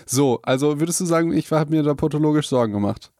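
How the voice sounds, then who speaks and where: Young man, slightly high voice, chatty, self-mocking, dry close sound. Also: fast talker, dark tone, dry recording. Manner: self-mocking, chatty, talks through worries with many fillers. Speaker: podcast co-host. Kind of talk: casual conversational podcast.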